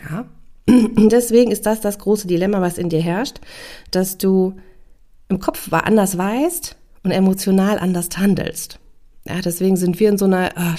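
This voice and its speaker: A woman's voice: mid-range voice, moderate pace, warm tone. A woman hosting a parenting podcast in a conversational monologue, often checking in with the listener.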